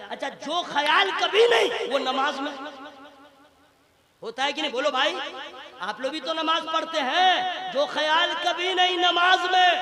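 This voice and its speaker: A male preacher with a strikingly high voice delivers a sermon to a large gathering. He slips between soft, teasing asides and fervent shouted exhortation. The sound rings through an echoey hall, with a crowd audible behind him. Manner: swings from quiet teasing asides to impassioned shouting. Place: large gathering, religious meeting.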